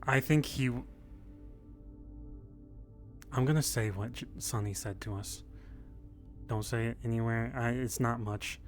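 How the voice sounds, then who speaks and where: A man's voice: mid-range voice, fairly even intonation, unhurried, long pauses, faint music behind. A man speaking in character in a roleplay, tired and earnest, often restarting his sentences. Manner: weary, earnest, with false starts. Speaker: roleplay player.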